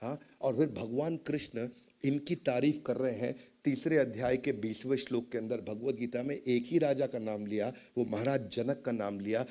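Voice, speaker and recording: A man's voice: medium pitch, fairly even intonation, moderate pace, mellow. A man giving a motivational talk who tells stories dramatically and acts out the voices of the people in them. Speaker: motivational speaker.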